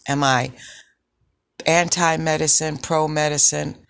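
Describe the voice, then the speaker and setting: A woman with a low, sultry voice hosting a personal podcast, speaking in a deliberate, reflective way with pauses. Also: fairly even intonation, creaky, a bit bright, dry recording. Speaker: podcast host. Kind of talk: personal health podcast monologue.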